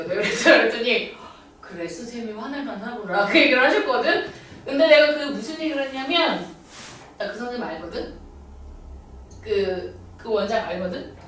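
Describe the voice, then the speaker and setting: A woman lecturing as a cram-school language tutor, telling blunt, animated stories and sometimes acting out loud scolding. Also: a little high, a little hiss or hum. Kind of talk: classroom lecture with anecdotes. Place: classroom. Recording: echoey classroom picked up from a distance.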